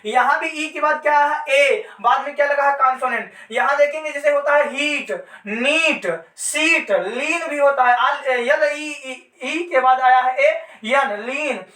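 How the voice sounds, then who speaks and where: A woman's voice: high voice, fairly bright tone. A woman teaching English pronunciation in a patient classroom manner, repeating points and asking herself questions before answering. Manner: patient, repetitive, asks and answers own questions. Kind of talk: classroom-style lesson. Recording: echoey room from far off.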